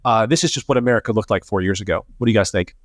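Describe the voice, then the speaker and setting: A man co-hosting a podcast, talking in a casual, sarcastic and animated way. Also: rapid-fire, no room sound, clean studio sound. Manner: animated, sarcastic, rising pitch on emphasis. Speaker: podcast co-host. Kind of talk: casual panel chat.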